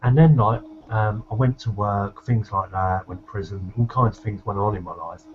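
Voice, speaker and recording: A man's voice: lowish voice, steady tone, normal speed. A man telling a story bluntly in everyday slang during a casual group discussion. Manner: blunt, colloquial, swears. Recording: dull lo-fi recording.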